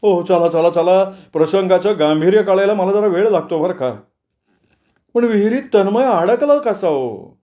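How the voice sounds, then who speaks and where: Guy doing a loud pushy farmer man, higher voice, keeps asking stuff. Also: lively intonation, moderate pace. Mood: eager. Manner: loud, eager, apologetic questioning. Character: bustling talkative male farm owner.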